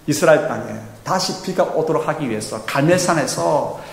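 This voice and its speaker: A man's voice: fairly high pitch, animated, normal speed. A man preaching a Sunday sermon with emphasis, now and then acting out quoted speech. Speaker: pastor. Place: church sanctuary. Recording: echoey church hall.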